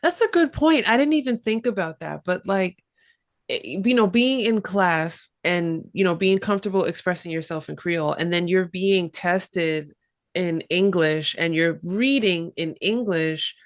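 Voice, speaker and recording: A woman's voice: on the low side, measured pace, no echo, clean studio sound. A woman hosting a casual interview, reflecting aloud in thoughtful, tentative phrases. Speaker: interviewer, podcast host.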